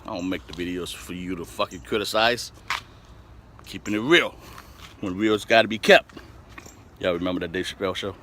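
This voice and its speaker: A man's voice: low voice, normal speed, pauses often, pushed and bright, a little hiss or hum. A man rambling and joking with lots of swearing while showing his bus conversion work outdoors. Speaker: DIY bus-conversion vlogger. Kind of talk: casual profane DIY vlog.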